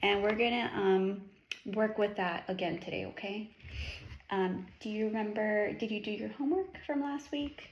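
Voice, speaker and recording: A woman's voice: medium pitch, normal speed, muffled recording. A woman teaching a young child with simple prompts and repeated praise, talking as if to a toddler in an encouraging way. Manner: encouraging, repetitive, sing-song animal sounds and praise. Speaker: teacher or speech therapist working one-on-one with a young child. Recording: noisy, echoey room recording.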